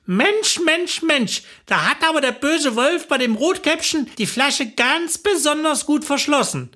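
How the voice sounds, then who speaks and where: A woman's voice: high voice, expressive, normal speed, fairly bright tone. A woman voicing a cheerful friend who grumbles and jokes while opening a bottle. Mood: jolly. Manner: grumbling, jokey.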